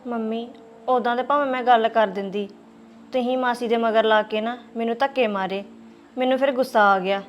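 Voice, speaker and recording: A woman's voice: on the high side, fairly even intonation, normal speed, lo-fi sound, slight background noise, close to an everyday voice. A young woman playing a married daughter who apologizes and pleads with her mother in a family drama. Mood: apologetic.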